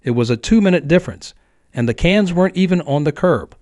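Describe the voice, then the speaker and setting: A man reading a scripted neighborhood story in a steady, even storytelling manner. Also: a little high, fairly quick, no room sound. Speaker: narrator.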